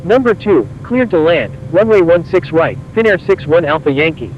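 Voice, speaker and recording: A man speaking as an airline pilot over a cockpit headset radio, in a somewhat higher register. His readbacks are clipped and even, in standard radio phrasing. A faint hiss sits under the slightly distant voice. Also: moderate pace, highs cut off. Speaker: airline pilot reading back clearances.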